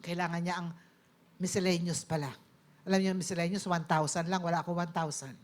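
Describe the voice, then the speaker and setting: A woman's voice: lowish voice, fairly even intonation, a little fast. Filipino-accented middle-aged woman preaching a testimony. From Philippines. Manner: polite, addressing the audience with frequent "po" and "okay?"; mixes Tagalog and English. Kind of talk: personal testimony sermon.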